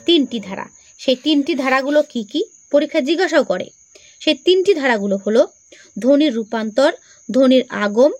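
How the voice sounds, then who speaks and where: A woman's voice: high-pitched, no echo. A woman teacher going through exam grammar questions, asking each question and then answering it herself, repeating the key terms for her students. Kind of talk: exam-prep grammar lesson.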